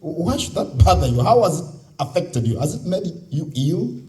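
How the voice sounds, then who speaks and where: A man's voice: on the high side, big pitch swings, normal speed, darkish tone, slight background noise. A man with a Ugandan accent giving a motivational public speech, exhorting listeners with repeated key phrases and rhetorical questions. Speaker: speaker at a youth convention. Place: live on stage at a convention.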